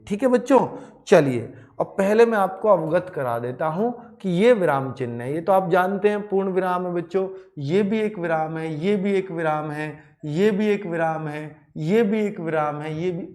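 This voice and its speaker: A man's voice: a little high, darkish tone. A man teaching a Hindi grammar lesson for exam students, calling them children and repeating key points with checking questions. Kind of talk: classroom lecture to exam students.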